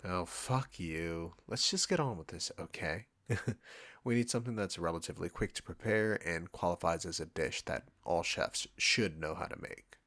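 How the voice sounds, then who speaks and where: A man performs a condescending male chef with a low voice in intimate audio roleplay addressed directly to the listener, cocky and teasing as he swaps barbs with an old rival. He speaks at a moderate pace with a fairly bright tone, in a mood of irritated banter, smug and needling throughout.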